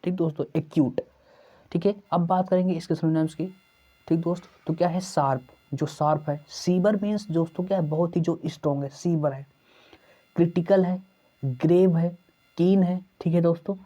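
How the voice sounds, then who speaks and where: A man's voice: on the high side, fairly even intonation, normal speed, dark tone. A young man teaching a vocabulary lesson for exam preparation, repeating each word in lists and constantly addressing the viewers as friends. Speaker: English teacher for exam prep. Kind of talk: vocabulary lesson in Hindi and English.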